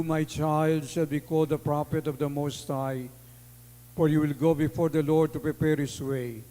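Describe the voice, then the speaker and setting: Slow, fairly high-voiced priest reading in a cathedral echo, long reverb and faint hum. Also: male voice, mellow. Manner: slow, measured, solemn delivery. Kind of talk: liturgical gospel reading and homily. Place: large church.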